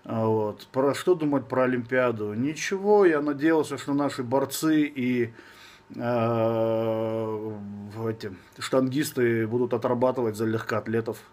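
A man's voice: medium pitch, a little slow, darkish tone. A man in his thirties with a slushy, lisping s from braces, chatting casually and bluntly as a fitness coach answering viewers on a live stream. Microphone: phone at arm's length.

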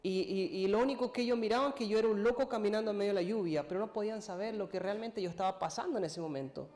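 A man giving a sermon testimony, telling a personal story in a halting, emotional way and acting out what people said to him. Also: high-pitched, darkish tone. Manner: storytelling, acts out his own and others' words, emotional, halting. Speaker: preacher.

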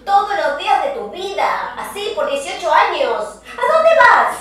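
A woman comic voicing a shrill, judgmental woman who lectures mothers indignantly. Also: very animated, moderate pace, a bit bright. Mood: lecturing. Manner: indignant, preachy. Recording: roomy stage sound, far from mic.

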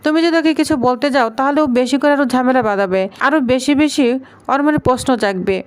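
A woman's voice: sits high, fast, clear, resonant tone, close to an everyday voice. A woman reading the lines of a stern mother who scolds and instructs her family. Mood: firm. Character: stern mother of grown sons.

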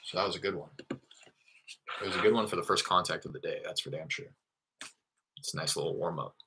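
A man's voice: low-pitched, brisk, bright, forceful tone, slight background noise. A man casually explaining his cold-calling routine in a live tutorial, loose and chatty with the odd curse. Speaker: real estate wholesaler teaching cold calling. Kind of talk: live screen-share tutorial.

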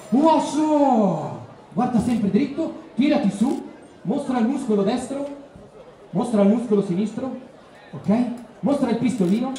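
A man's voice: very high-pitched, mellow, heavy reverb, slight background noise. A man performing as a street juggler, running a comic show with a child volunteer in a festival square, teasing and making mock-grand announcements. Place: outdoor town square at a festival. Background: crowd of onlookers.

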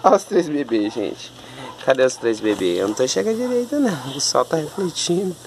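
A woman's voice: very animated, a little fast, a little mellow, a little hiss or hum. A woman with a Brazilian Portuguese accent filming puppies at home outdoors and talking to them in cooing baby talk. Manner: cooing baby talk to puppies, sudden high pitch jumps. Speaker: pet owner filming puppies. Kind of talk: casual home video.

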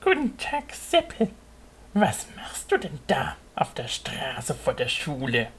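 A man voicing a bossy, mocking, cackling witch in a German children's puppet show, theatrical and shrill. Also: huge pitch swings, slow pace, fairly bright tone, full character voice. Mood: gleeful menace. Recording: noisy home puppet-stage recording.

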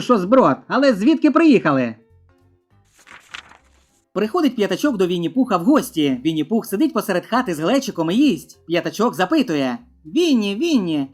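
A woman reading a string of short jokes, dropping her voice low for the male characters. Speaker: joke narrator.

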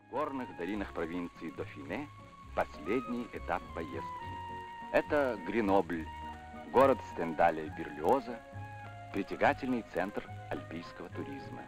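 Man, old newsreel narrator, lowish voice, formal declamatory delivery, loud music underneath. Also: rough recording. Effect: old newsreel sound. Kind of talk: 1960s Soviet newsreel narration.

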